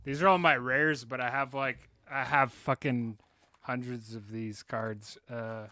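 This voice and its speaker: A man's voice: medium pitch, steady tone, measured pace, pushed and bright, dry recording. A man in casual conversation with friends, using loose frat-bro slang and a lot of swearing. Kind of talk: casual chat among friends.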